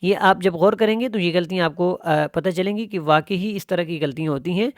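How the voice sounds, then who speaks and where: A woman teaching how to pronounce Quran verses in a tajweed lesson. She explains at a brisk pace and repeats correct and wrong pronunciations. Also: lowish voice, no echo, clean studio sound.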